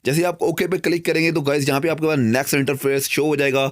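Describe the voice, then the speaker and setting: A man's voice: fairly high pitch, fairly even intonation, quick pace, no room sound, clean studio sound. Chatty young man with a Pakistani accent. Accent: Pakistani Urdu. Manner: repeats "guys" constantly, loose and chatty. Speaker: tech channel host. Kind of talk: screen-recorded tutorial narration.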